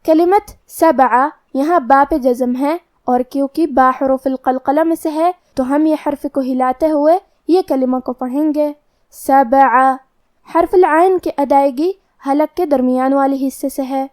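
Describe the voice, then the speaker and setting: A woman with a high, light voice teaches tajweed, breaking each word down letter by letter. She explains every rule in a calm, measured voice-over, steady and patient. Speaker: Quran recitation teacher. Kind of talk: tajweed lesson, explanation and slow recitation.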